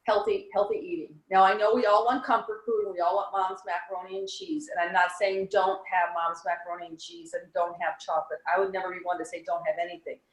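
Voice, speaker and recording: A woman's voice: on the low side, fast, hardly any pauses. Upbeat woman giving wellness tips, roomy sound. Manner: eager, advice-giving, lively emphasis. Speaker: wellness guest, yoga and fitness instructor. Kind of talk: casual advice interview. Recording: roomy echo.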